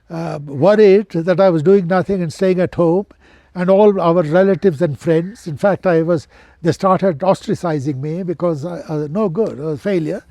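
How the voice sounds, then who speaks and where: A man of ninety with a posh Indian accent, reminiscing as an interview guest in an educated, measured way with hesitant pauses. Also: high-pitched, creaky, warm tone, no echo. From central India. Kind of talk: reminiscing in conversation.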